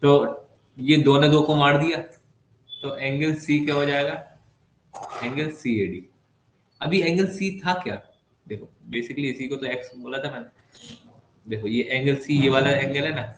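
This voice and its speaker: Guy teaching maths online, jokey and chatty, echoey room. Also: mid-range voice. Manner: playful, chatty, teasing students with asides. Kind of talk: online class lecture. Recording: echoey room with faint background noise.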